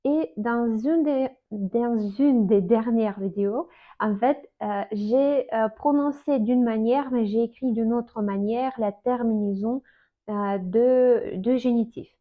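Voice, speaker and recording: Slow-spoken woman, tinny sound. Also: fairly high pitch. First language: Russian. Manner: hesitant, many fillers and restarts. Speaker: Russian teacher. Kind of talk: casual video lesson.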